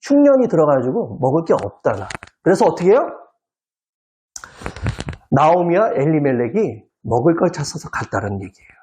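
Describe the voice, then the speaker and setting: A male pastor preaching a sermon at a church service. He talks playfully, cracks jokes and keeps prodding the congregation with quick questions. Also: a little high, very animated, warm tone. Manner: quizzes the congregation with constant "eh?" prompts; jokey, playful wordplay.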